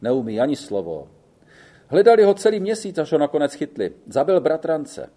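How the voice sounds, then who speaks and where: A man's voice: a little high, very animated, mellow, voice pushed up. A man reading the part of an old gendarme in an audiobook, speaking bluntly and in a fatherly way. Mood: matter-of-fact. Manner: blunt, fatherly, calls the other man boy. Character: gruff old male gendarme, weary, blunt.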